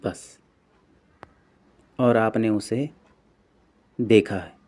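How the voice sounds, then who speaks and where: A man's voice: fairly low pitch, drawn-out words, darkish tone. A man giving an informal, earnest spoken explanation, casual and repetitive, with many fillers and restarts. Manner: earnest, admits he is still learning. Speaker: spiritual talk host.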